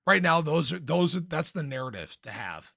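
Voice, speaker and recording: Slightly high with big pitch swings, this man's fairly bright voice is going hoarse as he hosts a playful, casual livestream on crypto at a moderate pace. He frequently clears his throat while reading and replying to viewer comments, captured in a dry, studio-quality recording.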